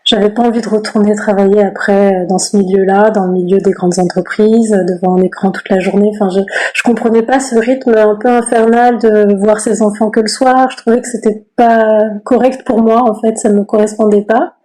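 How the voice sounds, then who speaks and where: Thirty-something woman chatting on a podcast, mellow voice, laughs a lot. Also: mid-range voice, fairly quick, hardly any pauses, poor audio. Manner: relaxed, laughs often, many fillers. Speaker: guest, Ayurveda practitioner. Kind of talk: casual conversation.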